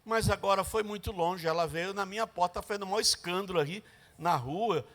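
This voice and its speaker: Meek praying church woman, acted by a man, low and hushed. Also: moderate pace. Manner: hushed, earnest prayer. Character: meek praying church sister, quiet and pleading.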